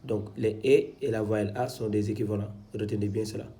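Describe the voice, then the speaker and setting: Man, reading teacher, low mellow voice, patient explaining, syllable by syllable. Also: fairly even intonation. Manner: spells out syllables slowly, stressing each one. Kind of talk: slow syllable-by-syllable reading lesson.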